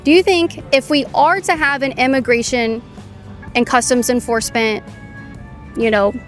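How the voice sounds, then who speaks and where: A woman's voice: high voice, steady tone, moderate pace, faint music behind. A woman conducting on-the-street political interviews, asking pointed, challenging questions.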